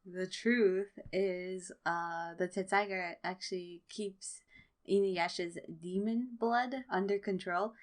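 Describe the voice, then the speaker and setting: A woman's voice: medium pitch, steady tone, slow pace. A woman co-hosting a podcast, explaining things in casual chat and laughing easily. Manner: explanatory, giggly. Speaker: podcast co-host.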